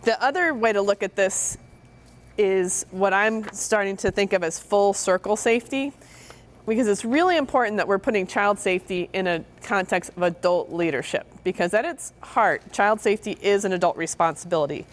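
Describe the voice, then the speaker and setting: In a meeting room filled with an audience, a middle-aged woman delivers a public talk on child safety to parents. Her voice is medium-pitched and moderately paced, and she earnestly stresses important words by saying them again.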